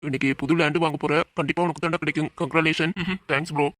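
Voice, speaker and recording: Guy doing a firm young hero guy in an audio drama, rattles it off quick, bright tense voice. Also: fairly high pitch, fairly even intonation, dry recording, close to an everyday voice. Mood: friendly. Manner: firm, reassuring, lecturing. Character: brave young man, protective future police officer.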